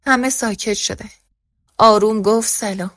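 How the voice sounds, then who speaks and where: A woman reads a first-person story aloud as scripted narration, giving every character the same even narrating voice. Her pitch is medium, and the studio-quality recording has no room sound.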